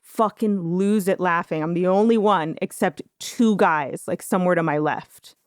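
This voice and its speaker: A woman's voice: lowish voice, normal speed, no echo, studio quality. A woman co-hosting a podcast, telling a story in casual chat, laughing often and full of fillers. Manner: giggly, chatty, lots of fillers. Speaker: podcast co-host.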